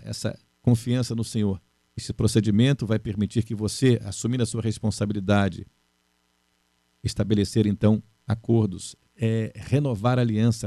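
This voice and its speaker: A man's voice: fairly low pitch, warm tone, dry recording. A middle-aged man preaching a sermon, earnest and repeating his key phrases. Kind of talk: sermon on marriage.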